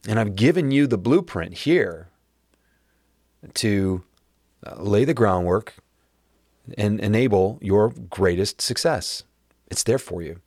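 A man hosting his podcast alone, speaking in an earnest, encouraging way with a raspy voice today. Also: fairly low pitch, animated, slow pace, long pauses, a little mellow, no room sound, studio quality. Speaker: podcast host. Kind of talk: solo podcast monologue.

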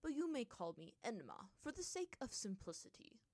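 Here the storybook's old monkey monk spirit, played by a woman, sounds a little high, delivered at normal speed in a stately, calm mood. Still grumpy and aloof, he gives flat, curt, dismissive statements, captured in a dry, close recording without any room sound.

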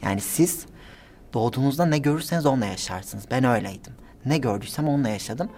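A nineteen-year-old man telling stories as a guest in a casual interview, animated and giggly, acting out the people he quotes. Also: mid-range voice, fast. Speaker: guest, social media personality.

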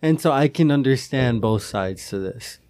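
A man's voice: mid-range voice, lively intonation, normal speed, darkish tone, no room sound. A man chatting casually about comics, patiently explaining plot points with dry humor. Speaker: comic book podcast co-host. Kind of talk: casual chat.

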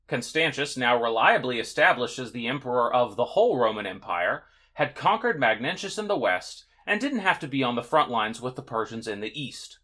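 A man's voice: medium pitch, bright, forceful tone. Wry man narrating church history. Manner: wry, sarcastic storytelling. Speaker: podcast host.

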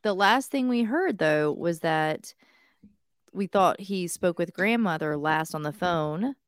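A woman co-hosts a casual podcast and talks through case updates in a chatty way. Her voice sits on the low side. The sound is dry and close. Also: lively intonation, slow, clean tone, no echo. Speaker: podcast co-host. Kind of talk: casual livestream chat.

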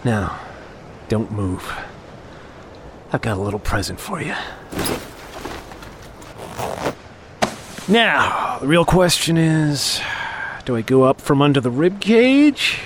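A man's voice: on the high side, very animated, takes it slowly, background noise. A man playing a younger office underling on a hunt, talking on with mock cheer, taunts and menace in a dramatic audio story. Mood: gloating. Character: younger male office underling, falsely chummy, needling, menacing hunting companion. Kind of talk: dramatic audio fiction acting.

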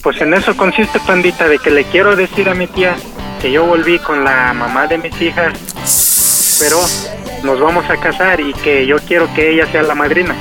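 A man's voice: on the high side, fairly even intonation, moderate pace, music in the background. A man in his early thirties with a Mexican accent, chatting casually and hesitantly as a radio caller. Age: early 30s. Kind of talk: casual phone chat.

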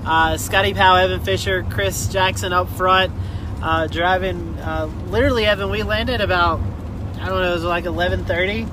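A man's voice: fairly even intonation, moderate pace. A man hosting a storm chase vlog with casual, chatty commentary. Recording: very noisy, wind and vehicle rumble.

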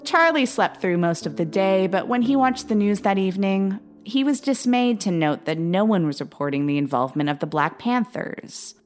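A woman narrating a true-crime story in a measured, grave, scripted way. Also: medium pitch, expressive, darkish tone, soft background music. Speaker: podcast narrator.

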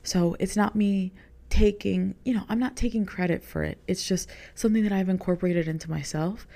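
A woman's voice: medium pitch, fairly even intonation, a little fast, warm tone. A young woman, a content creator, talking casually in a rambling podcast monologue, filling her sentences with "like". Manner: rambling, heavy use of "like" as filler.

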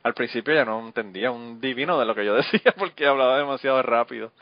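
A man, hosting a podcast in quick, laughing casual chat. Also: mid-range voice, no room sound. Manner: fast-talking, laughs often. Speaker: podcast host. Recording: dull, slightly lo-fi audio.

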